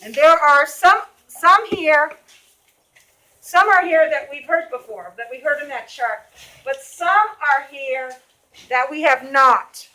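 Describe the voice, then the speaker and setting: A woman teacher with a Boston accent runs a classroom reading lesson, quizzing students by name. Her voice sits high and sounds bright and sharp. The room around her rings with echo. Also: lively intonation, slow. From Boston area. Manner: questioning, calls on students by name. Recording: echoey classroom.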